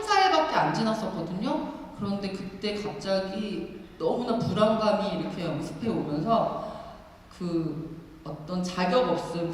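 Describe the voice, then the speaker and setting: A middle-aged nun giving an animated personal testimony talk with emphatic fillers. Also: female voice, medium pitch. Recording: echoey hall, far from the mic.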